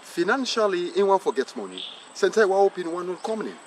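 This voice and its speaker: A man's voice: sits high, big pitch swings, quick pace, low-quality recording. A man with a Sierra Leonean accent hosting an educational program in an emphatic, repetitive way. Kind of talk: educational presenting, mixing Krio and English. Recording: clear outdoor traffic noise.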